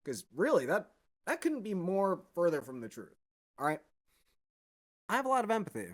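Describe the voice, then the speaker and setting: A man's voice: high-pitched, very animated, moderate pace. A man giving a blunt, profane monologue straight to his viewers, often checking in with "all right?". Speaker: vlogger. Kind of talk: unscripted monologue to camera.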